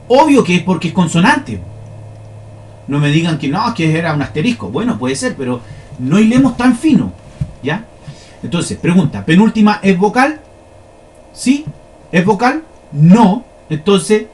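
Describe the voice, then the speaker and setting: A man teaching a lesson, explaining step by step and often checking that his listeners follow. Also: high-pitched. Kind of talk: classroom lesson on flowcharts.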